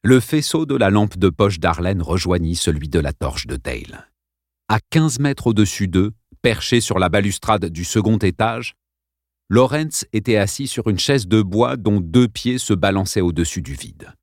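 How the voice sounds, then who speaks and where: A man reads a suspense novel aloud in a dramatic style. His voice is low and his inflection is lively. The recording is dry and close, with no room sound. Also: moderate pace, no room sound. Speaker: narrator. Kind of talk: audiobook narration.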